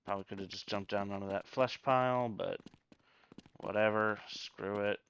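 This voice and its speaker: A man's voice: fairly low pitch, steady tone, moderate pace, creaky, a bit bright, clean tone, lo-fi sound. A man giving casual gameplay commentary, thinking aloud in a hesitant way. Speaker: gamer.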